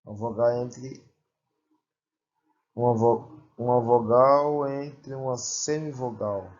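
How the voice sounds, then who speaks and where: Male teacher, lo-fi recording, slow deliberate delivery, drawn-out example words. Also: medium pitch, steady tone, darkish tone. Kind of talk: grammar lesson.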